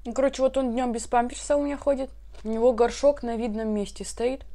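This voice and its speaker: A woman's voice: a little high, fairly even intonation, fast talker, mellow. A young woman vlogger chatting casually with viewers while chewing her food, in a colloquial, easygoing way. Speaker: mukbang vlogger. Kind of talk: casual chat while eating.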